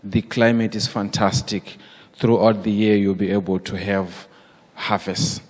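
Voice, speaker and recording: Give me a relaxed man from Zimbabwe with a fairly low voice, speaking in a reverberant hall. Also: measured pace. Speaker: conference delegate. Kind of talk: conference self-introduction. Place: large conference hall stage.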